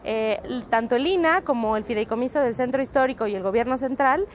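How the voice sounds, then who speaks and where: Speaking fairly quickly in a fairly high voice, a Mexican reporter in her thirties explains at length during a street interview, fluent yet peppered with "eh." She has a Mexican Spanish accent, and the busy city street outdoors contributes faint ambience and slight background noise.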